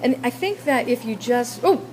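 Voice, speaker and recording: A woman's voice: a little high, animated, moderate pace, mellow, low-quality recording. A woman teacher leading a classroom discussion with children, coaxing them with question after question.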